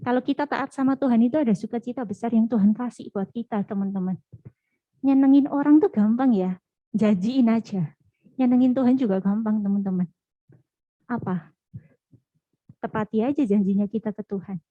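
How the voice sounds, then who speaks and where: A young woman giving a casual youth sermon, chatty, acting out quoted dialogue in lively voices. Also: on the high side, normal speed, pauses often, no echo, narrow, tinny audio. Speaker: youth preacher.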